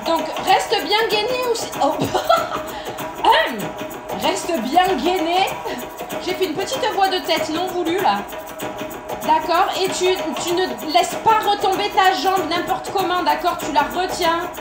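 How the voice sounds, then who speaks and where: A woman's voice: extremely high pitch, unhurried. A woman leading a workout class, chatty and joking, straining and out of breath as she exercises along. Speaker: fitness instructor. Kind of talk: live workout class coaching. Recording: echoey room with loud music.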